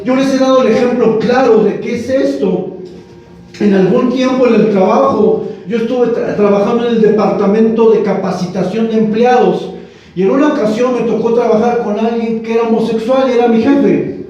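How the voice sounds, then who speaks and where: A man's voice: extremely high pitch, moderate pace, mellow. A male pastor preaching a sermon, telling a story and asking the congregation rhetorical questions. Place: church hall. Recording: very echoey church hall, distant mic, dull sound.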